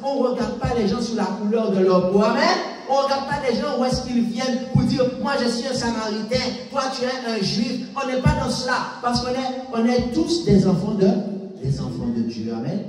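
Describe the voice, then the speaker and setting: A man's voice: very high-pitched, animated, a little fast, a little mellow, recorded from a distance, faint music behind. A man pastor preaching a sermon, asking rhetorical questions and answering himself with emphatic amens. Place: large echoey church hall. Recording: echoey hall, voice picked up from afar.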